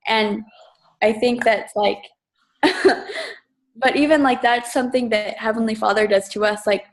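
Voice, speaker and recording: A woman's voice: a little high, steady tone, normal speed. A woman student sharing a comment in class, chatty and earnest, with lots of "like".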